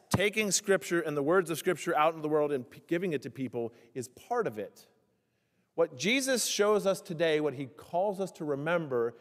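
Man preaching in a reverberant church. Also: on the high side. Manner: asks the congregation many rhetorical questions; slows down to stress key phrases. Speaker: pastor. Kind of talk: sermon. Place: church sanctuary.

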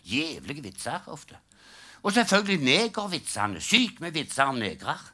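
A man's voice: a little high, wildly swooping pitch, pushed and bright. An older man doing a live stand-up routine, telling jokes in a dry storytelling way and acting out the punchlines. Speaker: stand-up comedian. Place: live comedy stage.

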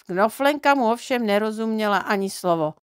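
A woman's voice: medium pitch, lively intonation, smooth, no room sound, studio quality. Woman reading a children's audiobook. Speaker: narrator reading to her children. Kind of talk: audiobook narration.

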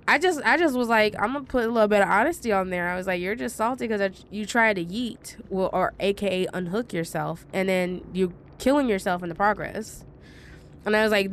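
Recounting a match she played, this young woman tells the story in a loose, talkative way, dropping fillers and sarcastic comments throughout as a gaming vlogger. Her voice is mid-range, with a little hiss or hum on the recording.

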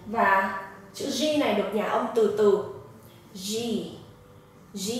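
A woman teaching Japanese pronunciation, slowly demonstrating each syllable. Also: on the high side, a little hiss or hum. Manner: slow, careful demonstration of syllables. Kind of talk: pronunciation lesson. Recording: echoey room from a distance.

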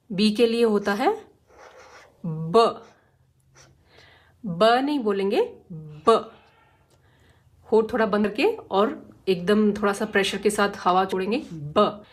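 A woman teaching phonics, explaining each letter patiently and demonstrating its sound again and again. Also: mid-range voice. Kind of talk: slow, careful phonics lesson.

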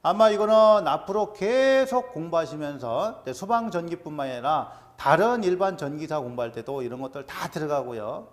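A middle-aged man teaching an exam-prep lecture, drilling terms and quizzing his students with quick questions. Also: on the high side. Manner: animated, drills terms with "자" and quiz-style questions. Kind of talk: classroom lecture.

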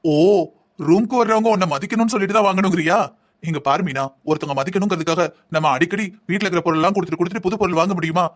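A man voicing a patient, thrifty husband in a cartoon family drama, who calmly lectures his wife at length. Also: high voice, racing, close to an everyday voice. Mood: lecturing. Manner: calm lecturing, explaining at length. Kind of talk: Tamil cartoon voice acting.

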